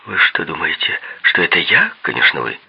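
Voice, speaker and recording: A man's voice: wildly swooping pitch, moderate pace, creaky, slightly rough, muffled recording, heavily acted. A man voicing a frightened young woman who protests in disbelief, in an audiobook. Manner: shrill, protesting.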